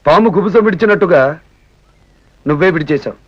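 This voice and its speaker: A man's voice: high voice, brisk. An actor playing a playful young village man who teases in a mischievous way. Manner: teasing, mischievous. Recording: dull film soundtrack with music.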